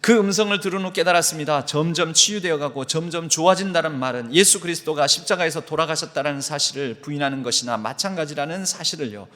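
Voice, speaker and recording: A male pastor preaches in a church sanctuary, his voice bright and forceful. He reads book passages aloud with feeling and a slightly raised pitch. The long reverb of the hall carries behind him. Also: fast, few pauses. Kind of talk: sermon.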